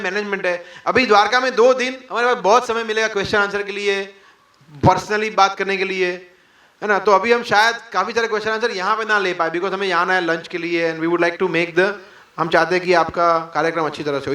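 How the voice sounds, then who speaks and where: A man with a high-sitting, sharp voice leads a devotional class before a live audience, throwing out rhetorical questions and mock quotes while mixing English words into his speech. The sound is reverberant.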